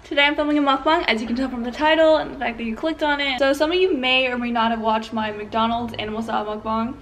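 A woman's voice: on the high side, steady tone, fast talker, fairly bright tone, slight background noise, low-quality recording. Chatty young woman eating on camera. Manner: chatty, filler-heavy, candid. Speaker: YouTuber. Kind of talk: casual mukbang vlog. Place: at home, indoors.

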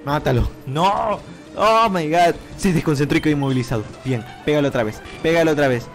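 A man giving animated commentary over a video game, talking straight to his viewers and urging the game on with repeated cries. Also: fairly high pitch, fairly quick, soft background music. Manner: talks to viewers as "chicos". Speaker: gaming YouTuber. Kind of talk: excited Let's Play commentary.

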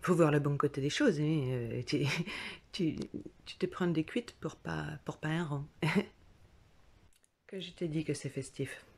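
Woman comic, lyon accent, slightly low voice, slangy direct-address monologue with whispered asides. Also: measured pace, pauses often, a little mellow. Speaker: comedian. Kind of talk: stand-up comedy monologue.

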